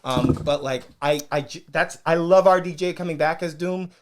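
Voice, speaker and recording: A man's voice: a little high, moderate pace, slight background noise. A man co-hosting a comics podcast, talking in an enthusiastic, rambling way with many restarts. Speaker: podcast co-host. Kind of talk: casual chat about comics.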